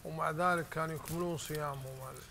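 A man's voice: on the high side, steady tone, very fast, gravelly, a crowd in the background. A middle-aged man with a Saudi Gulf Arabic accent, giving conversational religious advice in a didactic way with illustrative examples. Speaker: guest sheikh. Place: large indoor lounge, seated on sofa. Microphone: lapel.

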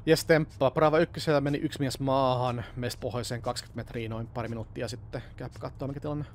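A man's voice: mid-range voice, steady tone, rapid-fire. A man talking tactics as a squad member in a military simulation game, over voice chat. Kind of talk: tactical game chatter, switching between Finnish and English. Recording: game voice chat with background noise.

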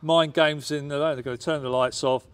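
A man's voice: on the high side, steady tone, normal speed. Man, club interviewer, casual chatty questions, outdoor stadium, faint background noise. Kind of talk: post-match interview. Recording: noisy outdoor stadium at night.

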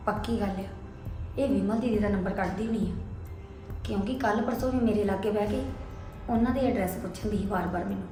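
A woman's voice: medium pitch, warm tone, natural voice. A woman with a Punjabi accent acting a suspicious, scolding sister-in-law in an amateur family drama. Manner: scolding, sarcastic. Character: stern, suspicious sister-in-law guarding the household. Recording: strongly echoing room, faint music.

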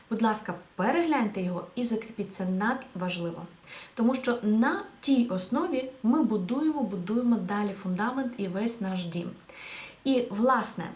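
A woman's voice: fairly high pitch, darkish tone, reverberant. A woman teaching a video language lesson, explaining patiently and asking rhetorical questions. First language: Ukrainian. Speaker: Spanish teacher.

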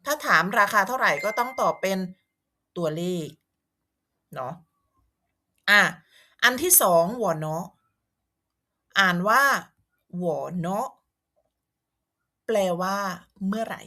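A woman's voice: mid-range voice, lively intonation, a little slow, long pauses, sharp tone. A woman from Thailand teaching a language lesson, explaining vocabulary patiently and repeating words to model how they sound.

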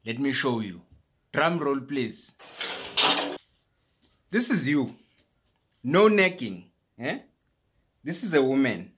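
A South African man with a South African accent giving a mock lecture in a comedy skit, teasing and building to shouts. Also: medium pitch, big pitch swings, takes it slowly, long pauses, breathy edge. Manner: mock-teaching, rising to shouting.

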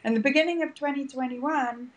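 A woman podcaster, a native English speaker, answers interview questions as a guest over a video call. Her voice sits high and moves a little fast, and she tells her answers in an upbeat, storytelling way.

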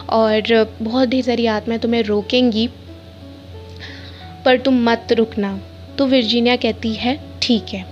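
A woman's voice: on the high side, a little mellow. A woman retelling the plot of a classic ghost story in casual narration, quoting the characters in her own voice. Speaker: storyteller summarizing a novel. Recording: dull lo-fi sound with faint music.

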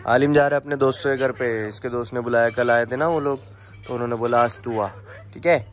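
A man's voice: medium pitch, fairly even intonation, quick pace. A young man filming a casual home vlog, chatting to the camera and cooing baby talk to his pet parrots. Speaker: vlogger.

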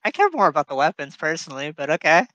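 A young man with a mid-pitched, animated voice chats easily as a guest. He asks questions and muses in a relaxed way, recorded dry and close. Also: fast, dry recording, muffled recording. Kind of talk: casual gaming chat.

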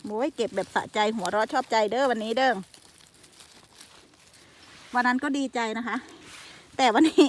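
A woman's voice: a little high, normal speed, pauses often, slight background noise. A woman chatting casually to her camera while foraging in a forest, full of exclamations. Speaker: vlogger. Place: forest outdoors.

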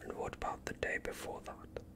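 A young adult man performs an ASMR doctor roleplay, whispering close to the mic in a breathy, unvoiced tone. He sounds calm and soothing, asking questions at an unhurried pace.

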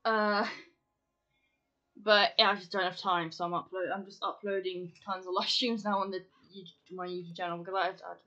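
A woman's voice: mid-range voice, little pitch movement, normal speed, sharp tone, highs cut off. A woman chatting casually on a game live-stream, scattered, talking to herself and swearing casually.

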